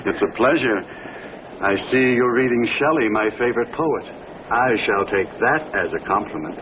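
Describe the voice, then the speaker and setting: An actor playing a courtly gentleman suitor in an old broadcast drama, speaking with formal gallantry and effusive compliments. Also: medium pitch, animated, moderate pace, muffled recording, natural voice. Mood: courtly, flattering. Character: courtly, flattering gentleman suitor who loves poetry. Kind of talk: old-time broadcast comedy-drama acting. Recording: noisy vintage broadcast recording.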